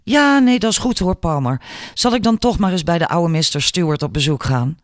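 A brash, sharp-tongued laundry woman, put on by a man lifts her voice into a sassy, taunting lilt. She needles with cheek and confidence. The sound is dry and close. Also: on the high side, lively intonation, a little fast, dry recording, close to an everyday voice. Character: sharp-tongued cocky female laundry worker.

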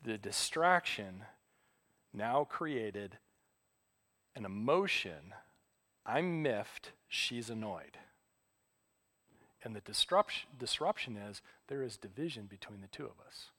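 A middle-aged man preaching as a pastor, telling stories in a relaxed, self-deprecating way. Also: lowish voice, measured pace, breathy edge. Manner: conversational, self-deprecating storytelling. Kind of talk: sermon.

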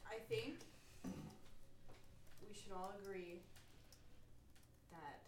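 A woman's voice: mid-range voice, drawn-out words. A woman playing a tabletop game, talking in a giggly, playful way. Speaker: player. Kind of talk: casual tabletop play. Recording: roomy distant mic, faint hiss.

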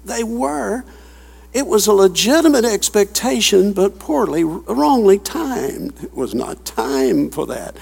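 A man preaching a sermon, reading scripture aloud and commenting on it in an animated way, with chuckling asides and questions to the congregation. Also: high-pitched, slow pace, gravelly, slightly rough. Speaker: pastor. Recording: long hall reverb.

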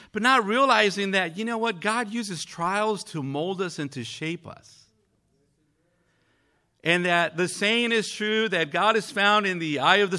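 A man from Mexico giving a conversational church sermon, earnest and halting as he speaks. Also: high-pitched, sharp tone. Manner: earnest, halting with frequent fillers. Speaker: pastor.

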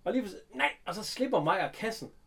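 A man chatting casually, retelling an episode with animated bits of acted dialogue. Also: high voice. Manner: animated retelling, acting out characters' lines. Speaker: recapping a TV episode. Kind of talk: casual chat.

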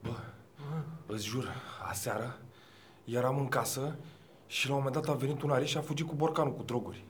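A man's voice: mid-range voice, long pauses, a little hiss or hum, close to an everyday voice. A man playing a frantic stoned student. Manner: excited, rambling, loud. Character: panicky stoned young male student. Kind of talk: improvised comedy sketch.

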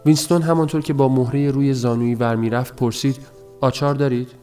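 Guy reading a novel aloud, mid-pitched voice, steady pace, faint music under it. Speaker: narrator. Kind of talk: audiobook narration.

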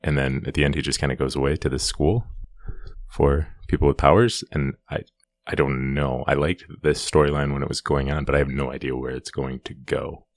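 A man's voice: extremely low pitch, flat delivery, fairly quick, no echo. A man co-hosting a casual podcast, thinking aloud and hedging as he discusses a TV show. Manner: hesitant, unsure, thinking aloud. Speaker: podcast co-host.

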